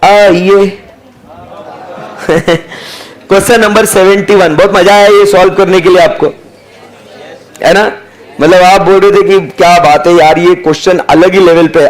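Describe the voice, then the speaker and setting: On a low-quality recording, a high-pitched young Indian man delivers a live online accounting lecture. He slowly and deliberately dictates figures, switching between Hindi and English, and nudges students to answer.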